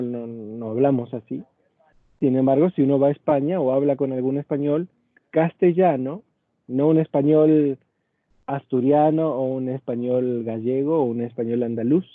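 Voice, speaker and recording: A man's voice: fairly high pitch, no echo. Man teaching, tinny phone-like audio. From Argentina. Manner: patient, explanatory, addresses students directly. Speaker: paleography teacher. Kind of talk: online lecture.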